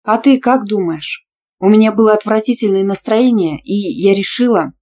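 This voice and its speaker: A woman's voice: medium pitch, normal speed, voice pushed up, natural voice. A woman voicing a young female student who answers back sharply and defiantly. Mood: indignant. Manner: sharp, defiant, easily outraged.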